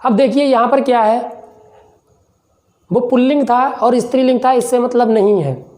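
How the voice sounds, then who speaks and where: A male teacher explaining a lesson slowly and deliberately, repeating phrases word by word and asking questions that he then answers himself. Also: very high voice, darkish tone.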